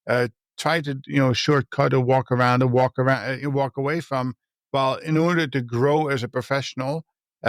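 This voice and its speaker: A man's voice: mid-range voice, no room sound. Earnest man, dry sound. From Netherlands. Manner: earnest and halting, with frequent restarts. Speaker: podcast guest, leadership coach and mentor. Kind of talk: reflective personal storytelling in a podcast interview.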